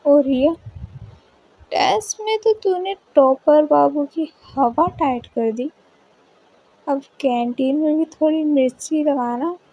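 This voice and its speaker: A woman's voice: sits high, drawn-out words, long pauses, dull audio, exaggerated voice. A woman voicing a playful, mischievous young college girl who chats in a chummy tone, in a storybook reading.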